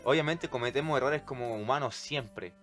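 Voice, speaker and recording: A man's voice: mid-range voice, moderate pace, fairly bright tone, faint music behind. Man explaining faith with everyday examples. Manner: conversational, explains with everyday examples, hesitant fillers. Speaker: podcast co-host.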